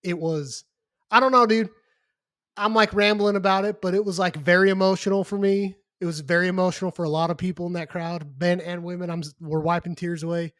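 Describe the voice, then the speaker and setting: Casual podcast co-host, a man with a fairly high voice, rambling and earnest. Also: steady tone, brisk, a bit bright, no room sound, clean studio sound. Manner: rambling, earnest, says "dude" and "like" often. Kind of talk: casual chat.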